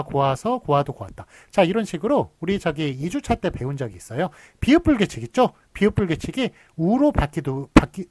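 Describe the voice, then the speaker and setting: A man's voice: a little high, darkish tone. A man from giving a recorded university lecture, explaining patiently with many fillers and restarts and drawing out his examples. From Seoul.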